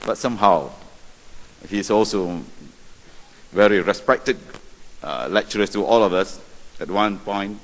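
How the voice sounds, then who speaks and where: A man moderating a formal conference panel, slow and unhurried, with a low-pitched voice. His words ring out through a big reverberant hall. He keeps a measured tone and adds the odd light aside. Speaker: session moderator.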